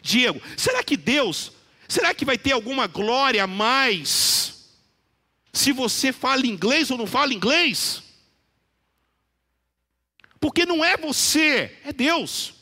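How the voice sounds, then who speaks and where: A male preacher with a very high, bright voice that carries through a church with long reverb. He builds up emphasis and slows right down on the scripture he quotes. His delivery is earnest and persuasive. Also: very animated. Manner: preaches with rising emphasis, quoting scripture with slow deliberate phrasing. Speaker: pastor. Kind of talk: sermon.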